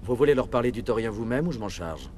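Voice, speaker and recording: An actor playing a level-headed military commander in a game dub, speaking in a controlled, direct, authoritative way. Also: male voice, medium pitch, animated, quick pace, a little mellow, a little hiss or hum, natural voice. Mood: persuasive, calm. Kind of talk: dramatic French game dub acting.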